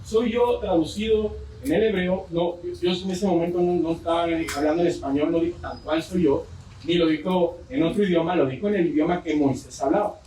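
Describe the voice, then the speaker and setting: A man's voice: a little high, a little fast, dark tone, a little hiss or hum. A man with a Mexican accent preaching a sermon, telling a story with joking asides. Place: church. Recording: roomy church hall from far off.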